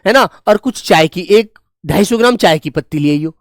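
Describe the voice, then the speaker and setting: A man's voice: sits high, expressive, moderate pace, dry recording, studio quality. A man doing a chatty homely mother. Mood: instructing. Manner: chatty, rustic everyday speech. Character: homely middle-aged mother giving errands.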